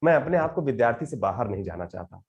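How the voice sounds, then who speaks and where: Earnest man in his thirties, lively pitch. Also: highs cut off. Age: 30s. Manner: earnest, reflective, recites verse slowly with rising emphasis. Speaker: poet guest. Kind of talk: conversational interview with poetry recitation.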